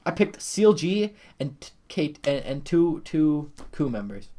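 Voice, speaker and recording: A man's voice: a little high, very animated, unhurried, dark tone. A man co-hosting a casual esports podcast, ranting animatedly with frequent swearing and laughter. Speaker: podcast co-host.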